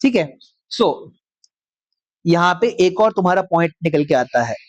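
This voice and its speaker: A man teaching a maths class, dictating slowly word by word and often checking whether the students follow. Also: a little high, big pitch swings, dry recording, low-quality recording. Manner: slow dictation word by word, checks with frequent questions. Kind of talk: live class lecture.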